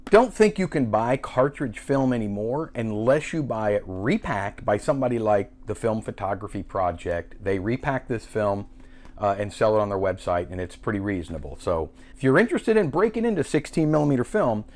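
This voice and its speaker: A man's voice: lowish voice, expressive, normal speed, a little mellow. A man hosting a casual filmmaking tutorial, chatty and self-correcting as he demonstrates a camera. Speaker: filmmaking channel host.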